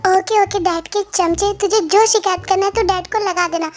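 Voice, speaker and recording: A woman's voice: very high voice, steady tone, moderate pace, soft background music. A woman voicing a hot-tempered older brother who scolds, mocks and threatens his younger sibling, in a fan-dub drama. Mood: mocking.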